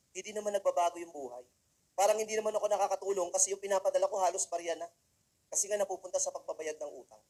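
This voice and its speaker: With a high but darkish-toned voice, a motivational speaker from the Philippines keeps a student audience laughing. He speaks right to them as he works through a series of funny stories.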